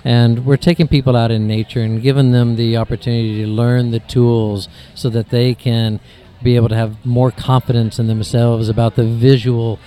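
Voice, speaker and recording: A man's voice: medium pitch, little pitch movement, moderate pace, dark tone. A man photographer answering interview questions in long, winding sentences. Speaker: photographer guest.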